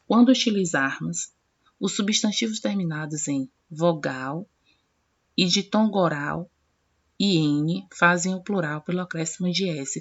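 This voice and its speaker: Female teacher, lower voice, patient step-by-step explainer, dull lo-fi sound. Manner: explanatory, reads word pairs slowly and addresses students directly. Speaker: Portuguese grammar teacher. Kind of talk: classroom-style grammar lesson. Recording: dull lo-fi recording.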